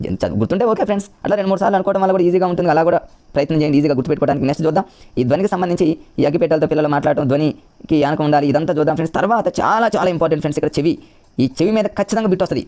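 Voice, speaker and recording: A man's voice: a little high, mellow. A man teaching an online exam-prep lesson, giving memory tricks and repeatedly calling the viewers friends. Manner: rapid, repetitive, addresses viewers as friends.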